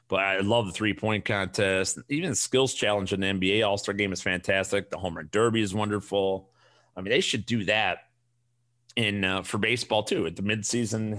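With a fairly low, fairly bright voice and a Chicago accent, this middle-aged podcast host from the Chicago area rants alone on his casual show. He is blunt, profane, and rambling.

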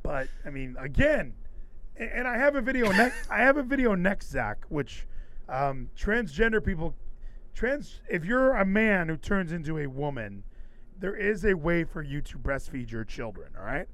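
A man with a slightly high, very lively voice hosts a casual comedy commentary show. He rants sarcastically, with big swings in intonation. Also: normal speed, slight background noise, low-quality recording. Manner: animated, sarcastic ranting. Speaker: podcast host.

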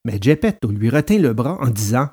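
A man narrating a children's story in an expressive, storytelling manner. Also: medium pitch, brisk, husky. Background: soft guitar music.

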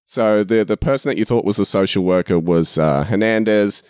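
A man's voice: fairly low pitch, normal speed, a little mellow, clear, resonant tone, dry recording, studio quality. A man co-hosting a casual movie review podcast, teasing his co-host and laughing often as he reads through notes.

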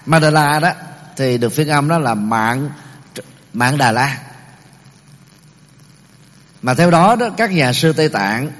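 A middle-aged man giving a Buddhist teaching talk, explaining terms step by step, pausing often and using many fillers. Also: mid-range voice. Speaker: Buddhist lecturer. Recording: long reverb of a large hall.

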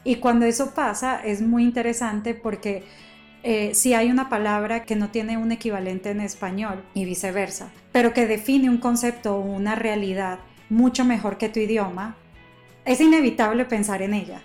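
A woman's voice: fairly high pitch, steady tone, moderate pace, a little mellow, soft background music. A woman in a casual conversation, reflectively explaining her ideas at length and asking questions. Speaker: conversation partner.

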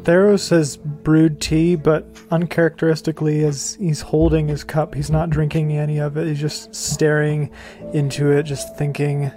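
A man with a fairly high but mellow voice narrates his character's quiet moment. He speaks slowly and evenly, with little rise and fall. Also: level tone, faint music behind. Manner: slow, measured narration. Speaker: player. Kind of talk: tabletop game play.

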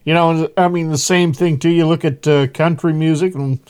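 A man hosting a casual interview, relaxed, often chuckling and restarting his sentences. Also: fairly high pitch, moderate pace, clean tone. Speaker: interview host.

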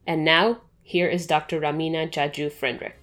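A woman with a notably low voice hosts a podcast. She reads her introduction in a smooth, formal way, then talks more loosely as she asks questions. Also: little pitch movement, moderate pace, fairly bright tone, soft background music. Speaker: podcast host. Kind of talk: scripted intro then interview.

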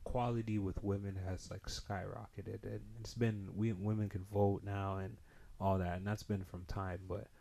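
A man's voice: lowish voice, little pitch movement, normal speed, vocal fry, warm tone. A young man hosting a casual chat, speaking in a hesitant, rambling way with heavy street slang. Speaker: podcast host.

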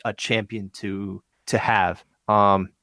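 A man co-hosting a sports podcast in casual chat, animated and full of restarts and asides. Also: on the low side, slow pace, no echo, studio quality. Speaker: podcast co-host.

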